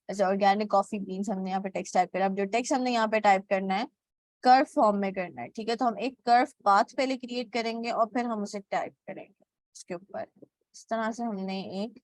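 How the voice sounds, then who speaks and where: A woman talks through a graphic design tutorial at a middle pitch. She goes step by step and drops a quick "okay" between steps. The sound is dry and close, with no room in it. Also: no room sound. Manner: mixes English words into Hindi. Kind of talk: screen-recorded software tutorial.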